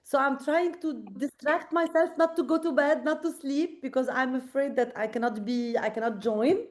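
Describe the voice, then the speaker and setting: A creative director from Lebanon, tired and speaking with a Lebanese accent, joins a late-night video call as a guest. She has a high voice at normal speed and sounds earnest and reflective, filling her speech with many fillers.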